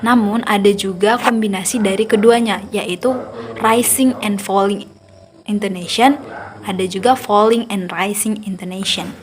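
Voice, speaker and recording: A young woman, a student, reading a class presentation aloud in a careful, measured way, slowing down to say her examples. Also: mid-range voice, fairly even intonation.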